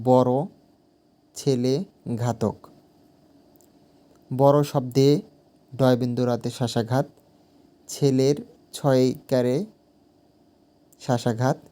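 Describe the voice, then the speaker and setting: Male teacher, unhurried and mellow, working through an exam answer step by step and restating his phrases. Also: medium pitch. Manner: slow, deliberate, repeats phrases to correct himself.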